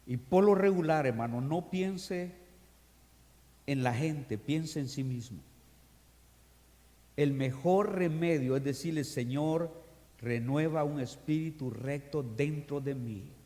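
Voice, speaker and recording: A man with a high, ringing voice leads a church sermon, reading scripture aloud and turning to his congregation. He swings from loud, rousing proclamations to hushed, confiding asides. His words carry a long, lingering reverb through a large church hall. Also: unhurried, long pauses. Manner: reads scripture aloud and addresses the congregation directly. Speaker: pastor. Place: church during an evening service.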